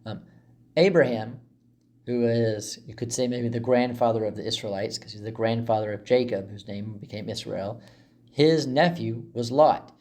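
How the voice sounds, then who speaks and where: A man's voice: medium pitch, normal speed, darkish tone. A man in a mid-range voice explains a Bible passage as a teacher would. He talks casually and chattily, breaking up his sentences with asides and small fillers.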